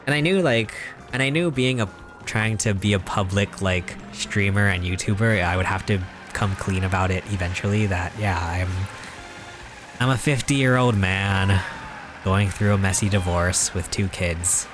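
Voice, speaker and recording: While playing on a live stream, a man in his 20s talks casually at a moderate pace in a somewhat low voice. Clear game music runs in the background as he rambles through mock-serious jokes, chuckling along.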